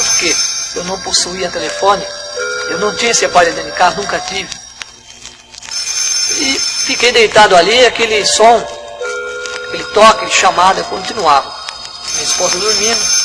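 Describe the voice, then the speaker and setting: Emphatic Brazilian pastor with music behind. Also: male voice, sits high, low-quality recording. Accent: Brazilian Portuguese. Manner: dramatic, emphatic storytelling. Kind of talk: preached personal testimony.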